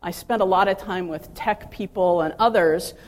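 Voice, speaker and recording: A woman in her fifties gives a personal, faith-centered talk to ministry staff, chatty and self-deprecating, with many fillers and restarts. Her voice is on the low side and a little mellow, at a normal speed.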